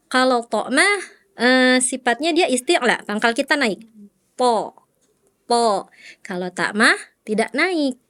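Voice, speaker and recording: A woman's voice: high voice, fairly bright tone. A woman Quran recitation teacher, patiently correcting a student and modelling letter sounds again and again. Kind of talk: one-on-one recitation feedback.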